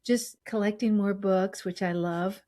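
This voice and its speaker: A woman's voice: medium pitch, fairly even intonation, unhurried, warm tone. Earnest middle-aged woman doctor chatting. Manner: earnest and reflective, with frequent restarts. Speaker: doctor and podcast co-host. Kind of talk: casual podcast chat.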